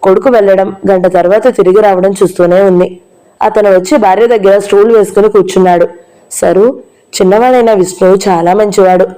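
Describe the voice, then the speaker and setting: Female audiobook narrator, even storytelling read, warm dark tone. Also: mid-range voice, a little fast, poor audio. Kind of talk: reading a novel aloud, voicing all characters.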